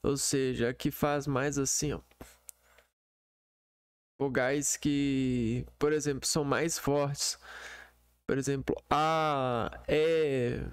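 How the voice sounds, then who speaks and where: A man teaching an online lesson over a shared screen, in a slow, hesitant way full of fillers. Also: medium pitch, steady tone, clean tone, no echo, clean studio sound.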